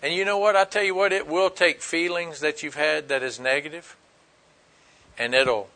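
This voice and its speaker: A man delivers a folksy sermon in a high, bright voice. He talks plainly and with emphasis, leaping up in loudness on his key points and dropping low for quieter asides. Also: steady tone, moderate pace. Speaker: preacher.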